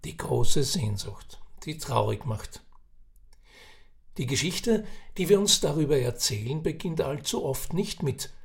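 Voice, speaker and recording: A man's voice: a little high, animated, a little slow, gravelly. A man narrating his own reflective text like an audiobook, musing and addressing the listener directly. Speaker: narrator and author.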